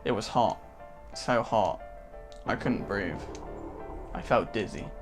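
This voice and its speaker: A man's voice: on the low side, slow. A man reading a game's narration aloud in a let's play, dramatic storybook reading with casual asides, game music behind.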